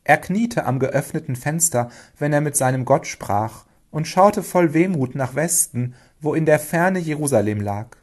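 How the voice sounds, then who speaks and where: Male storyteller, slightly high voice, lively expressive reading. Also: unhurried, few pauses. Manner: expressive, lively, acts out dialogue.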